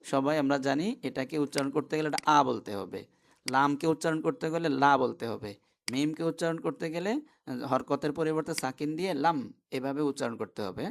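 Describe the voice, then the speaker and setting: A man's voice: a little high, brisk, vocal fry, slight background noise. A man teaching an online class, who explains step by step and keeps asking his students questions.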